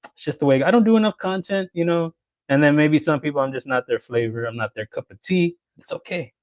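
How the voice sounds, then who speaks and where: A man hosting a casual livestream from home, reading out viewer comments, greeting people by name and chuckling often in a relaxed way. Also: a little high, brisk, no echo. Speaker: livestream host.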